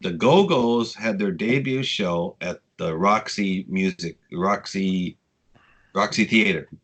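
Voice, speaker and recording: A man in his sixties, a guest telling casual, rambling stories with frequent swearing, getting animated when he quotes people. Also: low voice, slow. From United States. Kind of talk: casual storytelling interview.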